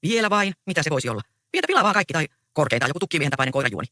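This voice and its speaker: Brief: a reader doing a mild older farmer smoothing a quarrel, bright and lively read. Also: mid-range voice, dry recording, studio quality. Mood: placating. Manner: placating, mild. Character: older peasant farmer, placating host.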